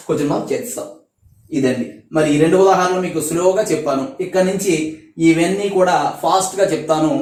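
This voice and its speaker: A man's voice: sits high, echoey room. A male teacher with a Telugu accent giving a video grammar lesson, drilling each rule step by step and asking and answering his own questions.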